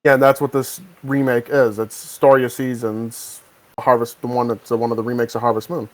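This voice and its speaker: A man's voice: medium pitch, little pitch movement, brisk, poor audio. A man hosting a casual podcast over voice chat, often hesitating and restarting his sentences. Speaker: podcast host. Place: home, on voice chat. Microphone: desk mic over voice chat.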